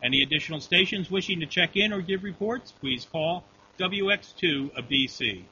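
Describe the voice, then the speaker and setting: A man with a slightly high, animated voice runs an amateur radio storm net as net control, using formal, procedural phrasing at a moderate pace. The audio is dull and lo-fi with a faint hum.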